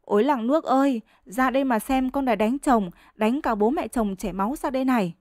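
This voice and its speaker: A woman voicing a lazy, blustering peasant husband who whines and shouts at his wife in a storybook reading. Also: mid-range voice, a little fast, no room sound, studio quality, lightly acted. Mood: wailing.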